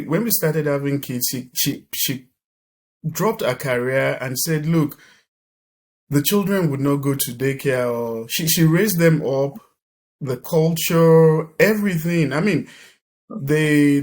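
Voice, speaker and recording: The podcast guest here is a middle-aged man with a Nigerian accent and a medium-pitched, slightly mellow voice. Throughout the conversational interview he often repeats and restarts what he says.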